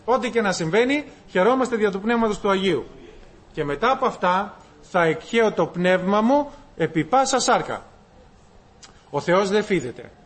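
A man preaches a sermon. His delivery is animated, and he calls his listeners brothers. He swings between loud bursts and quiet asides. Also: high-pitched. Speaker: pastor.

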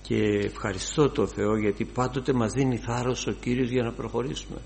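An older man preaching a sermon, fervent, his voice rising to loud exclamations. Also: medium pitch, fairly even intonation, vocal fry, a little hiss or hum.

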